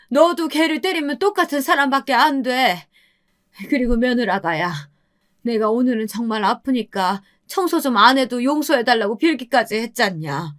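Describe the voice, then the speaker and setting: Woman as a weary mother-in-law in her sixties, slow and pleading, radio-drama story. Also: on the high side, pitched above the performer's own voice, lightly acted. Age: 60s. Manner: slow, pleading, then scolding.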